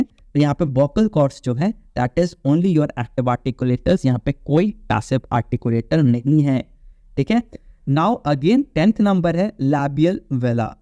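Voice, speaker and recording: A man's voice: on the high side, dark tone, no room sound, muffled recording. A man with an Indian accent teaching an exam-prep phonetics lesson, explaining step by step and checking in with listeners often. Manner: explanatory, checks in with frequent "theek hai?" and slows down for English terms. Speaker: English teacher.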